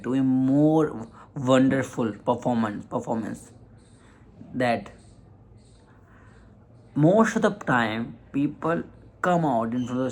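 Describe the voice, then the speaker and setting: A man talks through public speaking advice at an unhurried, slow pace. His voice sits at a middle pitch, and he pauses often, restarting phrases as he goes. It is a motivational lesson on confidence. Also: darkish tone, rough recording. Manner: slow, deliberate delivery with frequent pauses and restarts. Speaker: communication skills coach. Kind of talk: motivational self-help lesson.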